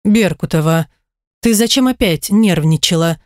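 Woman putting on a stern middle-aged lady doctor in an audiobook, brisk and bossy, dry sound. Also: lowish voice, expressive, darkish tone, dry recording. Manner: brisk, commanding.

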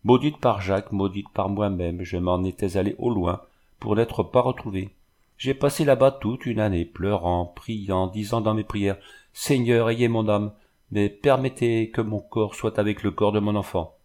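Grief-stricken young peasant mother, read by a male narrator, low-voiced, anguished. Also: normal speed, darkish tone, natural voice. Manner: pleading, anguished storytelling.

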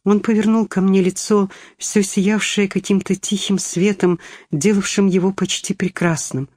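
A woman reads a storybook aloud in a calm, measured manner. Her voice sits at a middle pitch, and the sound is dry and close to the mic. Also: dry recording. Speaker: audiobook reader. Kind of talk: scripted narration.

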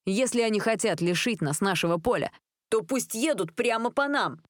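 A woman reading an audiobook voices a teenage boy who leads the football team, shouting and rallying the crowd. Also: mid-range voice, lively intonation, moderate pace, no echo, studio quality, pitched above the performer's own voice, lightly acted. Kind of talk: audiobook character voice.

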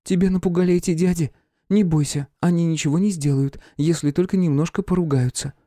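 A man voicing a young noblewoman, soothing and gently scolding toward her pet. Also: a little high, fairly even intonation, fairly quick, dry recording, studio quality, voice pushed up, lightly acted.

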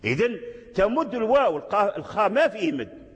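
High-voiced man teaching in an echoey hall. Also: big pitch swings, a bit bright, muffled recording. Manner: slow, deliberate explanation with repeated phrases. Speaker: Quran recitation teacher. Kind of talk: tajweed lesson explaining a didactic poem. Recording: echoey hall with long reverb.

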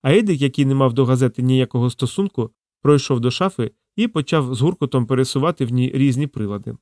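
A man narrating an audiobook in an even, measured reading. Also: medium pitch, no echo, clean studio sound.

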